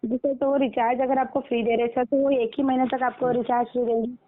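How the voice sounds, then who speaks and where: Over a tinny phone line with faint noise, a customer care agent with an Indian accent delivers scripted service talk politely, formally and repetitively. Her voice is on the high side, flat, and quick.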